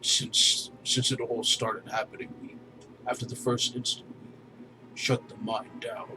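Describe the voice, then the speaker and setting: A man voicing a weary male alien mine overseer who speaks haltingly, with many pauses and restarts. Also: medium pitch, little pitch movement, noisy background, lightly acted. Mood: grave. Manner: hesitant, halting, full of pauses. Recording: music playing behind.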